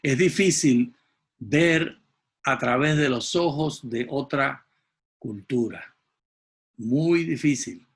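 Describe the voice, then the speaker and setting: Husky, higher-pitched male teacher. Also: fairly bright tone. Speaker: teacher leading an online class. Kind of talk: conversational class discussion.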